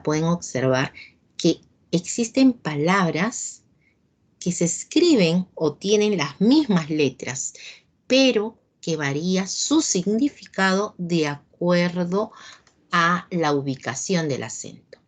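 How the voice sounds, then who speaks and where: Woman teacher, lowish voice, slow and patient, online class on a video call. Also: animated.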